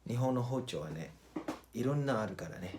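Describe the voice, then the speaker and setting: A man presenting like a casual vlogger, informal and halting, switching between languages and often repeating himself. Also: fairly low pitch, expressive, a little mellow, a little hiss or hum. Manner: informal, halting, repeats phrases and address tags. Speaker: vlogger and cook.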